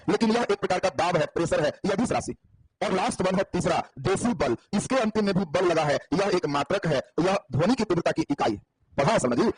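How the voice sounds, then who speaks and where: A man's voice: high voice, slightly rough, dry recording, poor audio. A man teaching a physics class on a handheld mic, drilling students with repeated questions. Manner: quizzing, drilling students by repetition. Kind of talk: classroom lecture.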